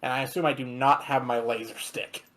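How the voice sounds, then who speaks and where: A man's voice: mid-range voice, steady tone, brisk, fairly bright tone. A man playing a tabletop game, chatting in a dry, matter-of-fact way. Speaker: player. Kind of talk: casual game chat.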